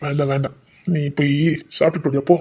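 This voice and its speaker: A man's voice: fairly high pitch, level tone, quick pace, darkish tone, breathy edge. A man playing a stern, insistent husband who scolds his wife in a colloquial family drama.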